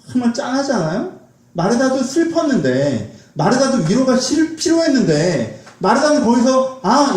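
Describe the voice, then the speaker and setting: A man's voice: very high-pitched, darkish tone. A man preaching a sermon as a pastor, speaking conversationally and asking his congregation questions. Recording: echoey church hall.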